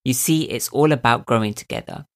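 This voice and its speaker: Nasal, slightly squeaky man musing aloud. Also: brisk. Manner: calm, thoughtful, addresses listener directly. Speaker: podcast host. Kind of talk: reflective self-help monologue.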